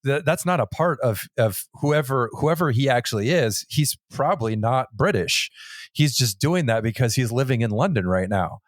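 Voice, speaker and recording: A man's voice: medium pitch, expressive, normal speed, no room sound, studio quality. A man chatting casually on a podcast, wry and playful with words. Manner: wry, playful wordplay, chuckling. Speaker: podcast co-host. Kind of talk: casual chat.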